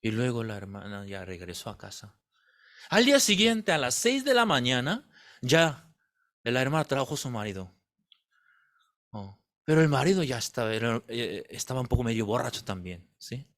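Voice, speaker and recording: A man's voice: medium pitch, big pitch swings, moderate pace, a bit bright. A male pastor preaching a sermon, telling a story with animation and often quizzing the congregation with questions.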